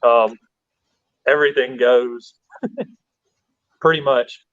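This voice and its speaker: A man's voice: medium pitch, steady tone, extremely slow, no echo. Man, livestream host, rambling, laughs often, muffled dry recording. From Alabama. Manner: rambling, laughs often, reads chat aloud. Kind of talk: casual livestream chat.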